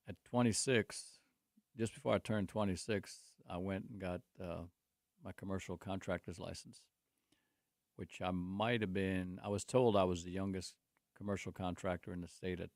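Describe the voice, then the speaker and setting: His voice is low-pitched and creaky, with a steady tone at normal speed, recorded as clean studio sound with no room sound. The speaker, a construction company owner in his 60s, is a talk show guest chatting casually, openly sharing rambling stories of his life and faith with many restarts.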